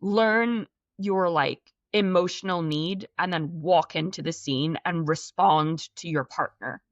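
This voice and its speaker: A woman's voice: fairly low pitch, slow pace, dry recording. A woman in her thirties with a mixed Scottish and American accent, chatting casually as an interview guest, full of "like" and "um". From North East Scotland. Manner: chatty, many "like" and "um" fillers. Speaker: guest actress. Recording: dull lo-fi sound.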